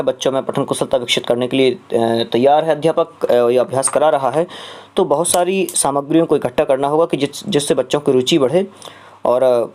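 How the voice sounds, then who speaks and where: A man teaching an exam prep lesson. He explains step by step, repeats each question and pauses on filler sounds between phrases. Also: fairly high pitch, a little mellow.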